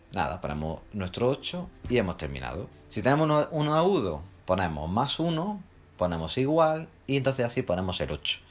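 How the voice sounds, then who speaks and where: A man teaching a recorded lesson, explaining step by step and answering his own questions. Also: medium pitch. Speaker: literature teacher. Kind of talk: recorded lecture for students.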